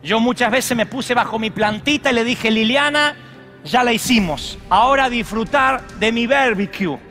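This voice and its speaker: A middle-aged man preaches with fire, his voice high and bright. He swings from loud shouting to hushed, quiet lines. Faint music plays behind him in a large church. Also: moderate pace. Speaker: pastor. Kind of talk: sermon.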